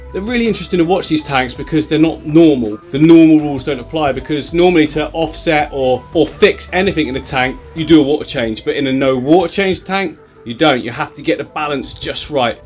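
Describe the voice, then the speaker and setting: A British man chatting to camera as host of an aquarium vlog, jokey and laughing at himself. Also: fairly high pitch. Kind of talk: casual vlog chat to camera.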